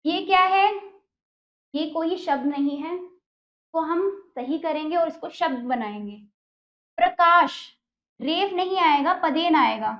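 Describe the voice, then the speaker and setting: A woman's voice: high-pitched, unhurried, lo-fi sound. A woman teacher giving a spelling lesson to young children, explaining patiently step by step with repeated examples.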